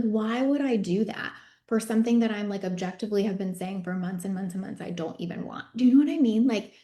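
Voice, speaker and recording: A woman's voice: mid-range voice, darkish tone. A woman host giving a casual, chatty personal update to her online group, full of fillers and swearing, and reading chat replies aloud. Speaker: business coach and host. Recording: echoey room.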